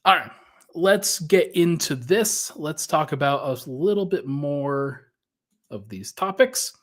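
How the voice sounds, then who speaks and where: A man's voice: on the high side, expressive, takes it slowly. Slightly breathless male sports podcaster. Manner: conversational, thinks aloud with restarts and fillers. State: a little out of breath. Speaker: podcast host. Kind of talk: casual sports talk podcast.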